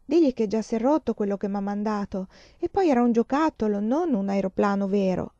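A woman's voice: mid-range voice, expressive, a little fast, warm tone, no room sound, lo-fi sound, close to an everyday voice. A woman reading an audiobook, voicing a feverish, delirious little girl with a plaintive, wavering voice. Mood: pleading.

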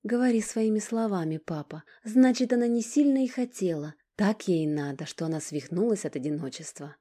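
A woman's voice: mid-range voice, lively intonation, fairly quick, pitched above the performer's own voice, lightly acted. A woman doing a bitter, furious young woman. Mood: angry. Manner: sharp, cutting, loud. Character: angry, bitter young woman snapping at her father.

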